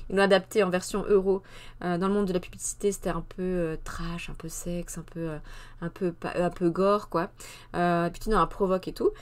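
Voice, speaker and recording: A woman hosting a live-streamed culture segment, chatting through a book review with many fillers, restarts and frank opinions. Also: medium pitch. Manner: hesitant, many fillers and self-corrections.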